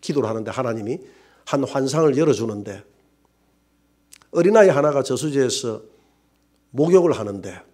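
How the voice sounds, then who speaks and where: Animated Gyeongsang pastor preaching. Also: male voice, mid-range voice, moderate pace, pauses often. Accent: Gyeongsang Korean. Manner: animated preaching with rhetorical questions and exclamations. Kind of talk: sermon. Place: church sanctuary.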